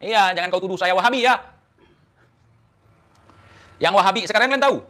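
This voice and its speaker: High, bright-voiced defiant man. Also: fairly quick. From Indonesia. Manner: defiant, taunting, rhetorical questions. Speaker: online talk show host. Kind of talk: heated monologue to camera.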